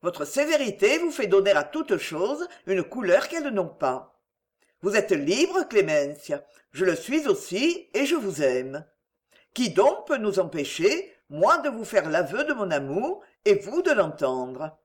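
A woman voicing an ardent, smooth-talking English gentleman who pleads and flatters as he courts a young woman in a storybook reading. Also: mid-range voice, a little slow.

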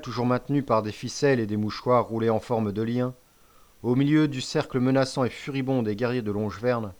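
A man doing scripted narration of a story, dramatic and paced for tension. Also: medium pitch.

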